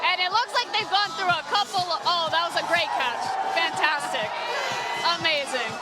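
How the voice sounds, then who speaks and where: A woman field reporter, excited and gushing, reporting live from outdoors and projecting her voice. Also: extremely high pitch, normal speed, over loud music. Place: outdoors among parade crowd. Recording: very noisy outdoor crowd. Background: loud cheering crowd.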